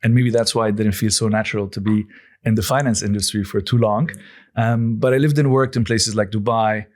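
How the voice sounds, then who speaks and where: His voice fairly low and steady, this coffee company founder in his forties answers a podcast's questions as a guest. Born and raised in Lebanon, he speaks carefully, with many pauses and fresh starts.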